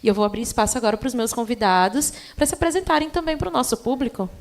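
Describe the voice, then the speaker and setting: A woman's voice: fairly high pitch, fast. Polished young woman hosting a panel. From Brazil. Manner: polished, welcoming, ceremonious. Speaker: student panel host. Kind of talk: formal event introduction.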